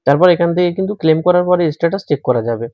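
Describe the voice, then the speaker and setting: A man's voice: a little high, animated, very fast, dry recording. A man from giving a patient, step-by-step tutorial, talking viewers through an online form as a friendly host. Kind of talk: screen-recorded how-to walkthrough. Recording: dry, slightly dull voice-over.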